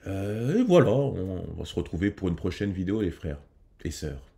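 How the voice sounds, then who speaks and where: A man's voice: sits low, very animated, moderate pace, creaky, mellow. A man talking casually to his viewers as a reaction host, hesitant with many fillers and restarts. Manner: addresses viewers directly.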